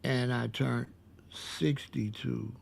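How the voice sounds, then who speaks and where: A vlogger in his sixties rambles casually through a personal story, repeating himself and filling pauses with "uh." His mid-range voice is gravelly, with fairly even intonation.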